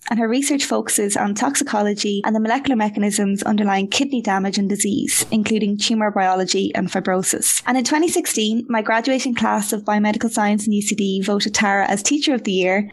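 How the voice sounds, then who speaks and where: A woman in her twenties with an Irish accent, presenting and interviewing as a podcast host. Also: mid-range voice. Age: 20s. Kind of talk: scripted introduction and interview.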